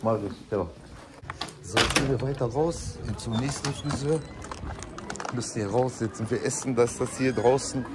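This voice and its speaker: With background noise around him, a thirty-something man narrates a casual vlog from a hair salon and a city street, camera held at arm's length. He speaks at a medium pitch and normal pace, chatty and joking with his audience.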